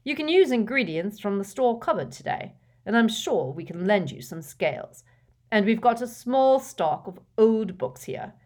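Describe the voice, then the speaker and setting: A woman voicing a jovial, portly old male potions teacher who talks in a booming, effusive, fatherly way. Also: big pitch swings, normal speed, darkish tone, close to an everyday voice.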